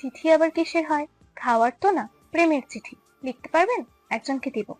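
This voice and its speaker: A woman voicing a shy, lovestruck young woman student, speaking softly, hesitantly and earnestly. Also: sits high, lively intonation, normal speed, no echo, soft background music, pitched above the performer's own voice, rough recording. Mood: pleading. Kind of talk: audiobook story reading.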